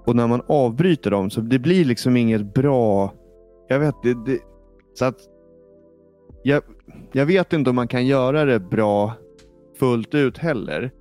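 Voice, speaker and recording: A man's voice: mid-range voice, pauses often, faint music behind. A man hosting a casual gaming podcast, telling stories with lots of fillers and restarts. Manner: animated storyteller, many fillers. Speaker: podcast host.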